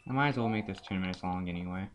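A man's voice: low voice, very fast. A man giving casual, sarcastic commentary while playing a video game through a computer microphone, with mock-frightened asides. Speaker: let's play gamer. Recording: dull lo-fi with loud hiss.

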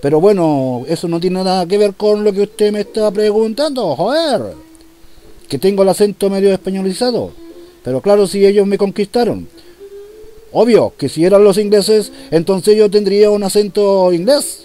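A man's voice: high voice, warm tone. A man performing a comic monologue as a police commissioner taking a phone call, in a mock-formal, polite manner.

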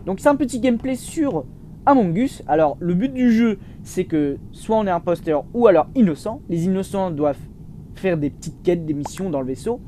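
A young man giving casual let's-play commentary, chatty, restarting his sentences, with excitable bursts. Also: high voice, moderate pace, slight background noise. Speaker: gaming YouTuber.

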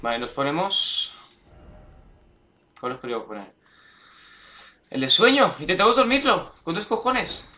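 A young man with a Spanish accent from Spain, commenting on his gameplay, excitable, shouting and swearing at the game. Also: high voice, unhurried, long pauses. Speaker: gameplay streamer.

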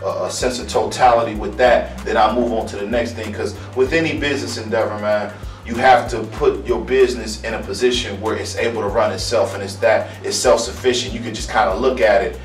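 Low-ish calm guy from ohio, barber talking about his goals, heard from across an echoey room with faint music. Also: fairly quick. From Akron, Ohio. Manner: thoughtful, repeats words while searching, calm and earnest. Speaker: barber interviewee. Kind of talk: casual interview. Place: small room indoors. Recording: roomy, distant mic, faint music.

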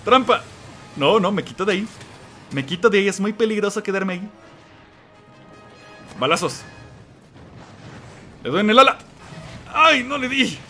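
A man giving excited let's-play commentary, yelling and exclaiming at the game and talking to the monster. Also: sits high, moderate pace, long pauses, faint music behind. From Mexico. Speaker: gamer playing and commenting.

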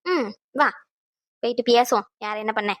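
A woman voicing a scolding elderly grandmother in a cartoon drama, talking sharply and quickly. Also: fairly high pitch, natural voice. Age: older.

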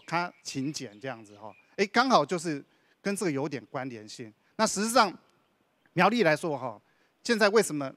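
A man's voice: a little high, fairly bright tone, dry recording. A man, a county official answering on a panel, explaining at length with many sentence particles. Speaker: deputy director of a county culture and tourism bureau.

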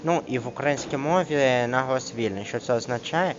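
A man coaching a single student through a grammar lesson, pausing often and drawing out each example word as he reads it aloud. His voice sits at an ordinary middle pitch. The recording sounds dull and lo-fi, with a steady hiss of noise behind him. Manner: hesitant, with many fillers, reads examples slowly. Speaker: tutor. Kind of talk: casual one-on-one grammar lesson. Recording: dull lo-fi screen recording with clear background noise.

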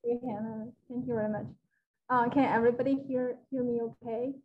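Young woman from China, fairly high voice, halting talk on a slightly dull video call. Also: steady tone, background noise. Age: young adult. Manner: hesitant, many fillers and restarts. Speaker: guest speaker. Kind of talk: casual presentation on a video call. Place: living room with a large wall mural. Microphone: video call, laptop camera.

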